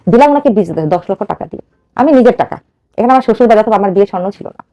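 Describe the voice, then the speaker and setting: A Bangladeshi woman in her thirties tells a radio host her own life story, earnest and urgent, acting out the quoted dialogue as she goes. Her medium-pitched voice is expressive, warm and very fast, though the audio sounds dull. It's emotional personal storytelling.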